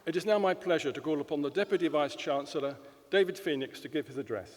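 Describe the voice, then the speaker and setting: A man giving a measured, ceremonial welcome speech from a podium as a university dignitary. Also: fairly high pitch, some chatter behind. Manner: measured, ceremonial public address. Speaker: university pro-chancellor and board chair. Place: large guildhall, at a podium. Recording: echoey hall with long reverb.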